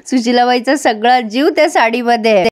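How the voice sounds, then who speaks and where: High-voiced woman recapping a TV serial. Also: moderate pace. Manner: chatty, addresses viewers directly. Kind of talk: casual serial recap narration.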